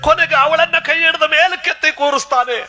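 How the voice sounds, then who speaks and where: Male harikatha teller, very high voice, dramatic sung narration with accompaniment. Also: quick pace, bright, forceful tone, soft background music. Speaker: harikatha storyteller. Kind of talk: sung devotional storytelling. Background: musical accompaniment.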